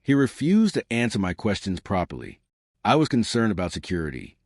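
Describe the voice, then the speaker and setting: A man's voice: lowish voice, huge pitch swings, a little fast, a little mellow, no room sound, clean studio sound, heavily acted. A man voicing a smug male airline pilot who turns defensive and stammers.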